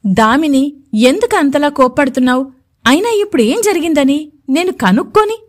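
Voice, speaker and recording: Lady playing a calm big brother, patient, soothing, high voice. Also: moderate pace. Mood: placating. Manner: calm, placating.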